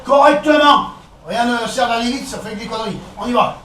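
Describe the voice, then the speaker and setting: A man with a French accent coaching a boxing session, counting out combinations and calling out punches in short, brisk commands. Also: extremely high pitch, pushed and bright. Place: echoey boxing gym. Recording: echoey gym, distant camera, background noise.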